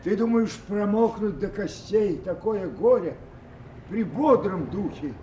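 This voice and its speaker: Casting: old broken king, slow, declamatory, anguished classical tragedy, faint noise behind. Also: high voice, lively intonation, highs cut off. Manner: brooding, declamatory, swelling from hushed to impassioned. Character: anguished old king losing his mind, betrayed by daughters. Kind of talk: theatrical classical tragedy monologue.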